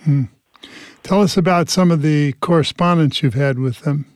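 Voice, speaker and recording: A man's voice: a little high, moderate pace, a little mellow, no echo, studio quality. A male radio host interviewing a guest with short encouraging prompts.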